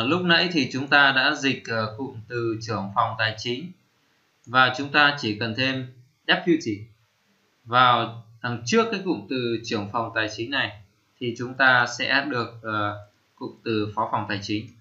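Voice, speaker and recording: A man, teaching vocabulary slowly, repeating each term and pausing with many fillers. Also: mid-range voice, bright, forceful tone, lo-fi sound. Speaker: English teacher. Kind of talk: screen-recorded lesson.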